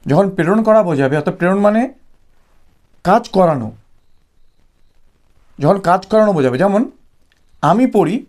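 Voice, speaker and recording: A man from West Bengal teaches a Sanskrit grammar lesson. His voice sits a little high for a man, with a gravelly, fry-laden edge. He explains patiently, repeats himself, fills pauses with "ah", and slows right down to spell out each example. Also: darkish tone. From West Bengal, India. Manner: patient, repetitive explaining with frequent "ah" fillers. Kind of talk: exam-prep grammar lesson.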